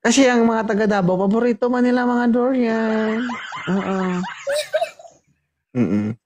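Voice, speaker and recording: A man's voice: extremely high pitch, lively intonation, measured pace, muffled recording, background noise. Teasing male matchmaking host. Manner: teasing, joking banter. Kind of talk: casual chat.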